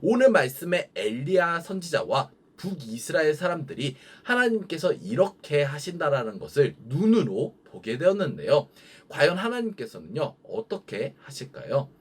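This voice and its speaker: A young man preaching a children's sermon, telling the story in a gentle, sing-song way for kids. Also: on the high side, sing-song, normal speed, few pauses, husky.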